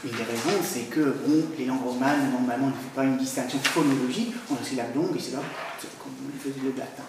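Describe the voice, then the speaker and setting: A man giving an academic talk on language history, hesitant with frequent pauses and fillers. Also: mid-range voice, very echoey, far from the mic, background noise. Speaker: lecturer.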